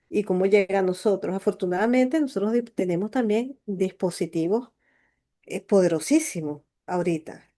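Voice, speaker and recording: A woman literature professor, chatting informally with her students at the close of a class, with filler pauses. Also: medium pitch, mellow. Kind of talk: closing remarks in an online class.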